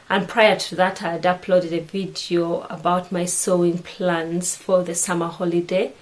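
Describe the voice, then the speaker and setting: Chatty Ugandan woman, low-voiced. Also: rough recording. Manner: chatty, often restarts and corrects herself mid-sentence. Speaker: sewing vlogger. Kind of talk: casual chat to camera.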